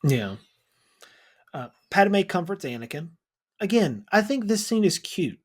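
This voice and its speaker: A man's voice: high voice, big pitch swings, measured pace. A man co-hosting a movie podcast in casual chat, rambling and playful with many fillers. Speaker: podcast co-host.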